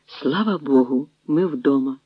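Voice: medium pitch, unhurried, breathy edge, dry recording, pitched below the performer's own voice. A reader voicing an emotional young noblewoman who speaks in eager exclamations, in an audiobook reading. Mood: tender. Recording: dry, dull lo-fi sound.

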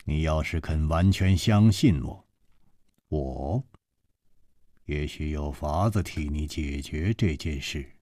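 A man voicing a calm, gentle, self-assured male hero in a storybook reading. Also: no room sound, studio quality. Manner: soft, low, measured.

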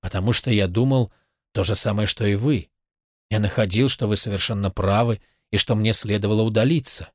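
A man reading the lines of a gentle, self-effacing old man in a storybook, low and subdued. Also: a little fast, dry recording, studio quality, natural voice. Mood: quiet, humble.

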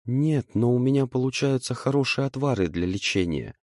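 A weary young witch speaks softly and slowly, subdued and cold, as a man voices her for an audiobook. The recording is close and dry. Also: mid-range voice, lively intonation, no room sound, pitched above the performer's own voice, lightly acted. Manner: quiet, slow, subdued.

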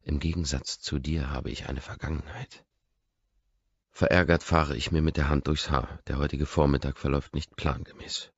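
Very deep gravelly male audiobook narrator. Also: steady tone, moderate pace, no echo, dull audio. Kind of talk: first-person audiobook narration.

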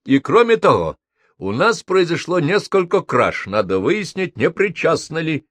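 A man reading a story aloud and voicing an officious, condescending police sergeant in a flat, bureaucratic tone. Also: on the high side, a little slow, no echo, studio quality, pitched above the performer's own voice, heavily acted.

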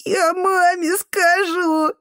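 A woman's voice: expressive, slow pace, darkish tone, no echo, clean studio sound. A woman voicing a frightened boy of about nine who whimpers and pleads in tears. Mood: crying, pleading. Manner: sobbing, shrill pleading.

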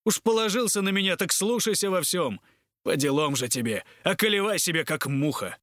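A man voicing a loud, blustering male army captain in an audiobook, shouting and indignant. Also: high-pitched, expressive, normal speed, dry recording, clean studio sound, pitched above the performer's own voice.

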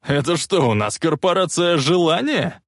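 Loud sneering young bully, as a male narrator puts him on, high strained voice, brash and scornful, dry storybook reading. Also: lively intonation, normal speed, no room sound. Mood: mocking. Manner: loud, mocking, shouting.

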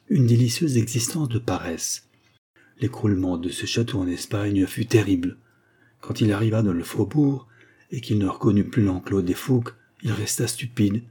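Low, husky male audiobook narrator. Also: dark tone. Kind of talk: scripted literary narration.

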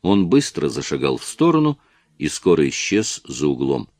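A man narrating a novel in an expressive storytelling manner. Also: extremely low pitch, normal speed, dry recording, studio quality. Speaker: audiobook narrator. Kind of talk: scripted narration.

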